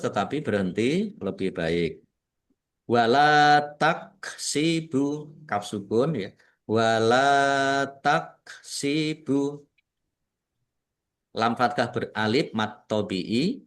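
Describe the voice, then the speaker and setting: A man's voice: lowish voice, lively intonation, measured pace, few pauses. A man from Indonesia teaching Quran recitation rules, patiently explaining each rule and drawing out the words he recites. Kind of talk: tajwid lesson with slow recitation.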